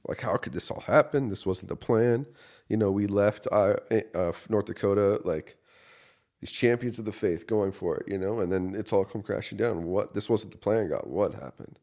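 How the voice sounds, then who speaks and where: A man in his thirties, a pastor, earnestly telling a personal story in a podcast interview, going from quiet to loud. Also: on the low side, normal speed. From United States. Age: 30s. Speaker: associate pastor.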